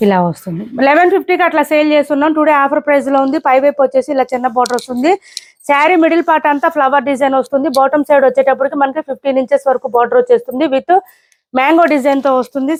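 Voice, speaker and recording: Brisk high-voiced woman selling sarees. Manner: brisk, repetitive price callouts. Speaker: saree seller. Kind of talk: online sales showcase.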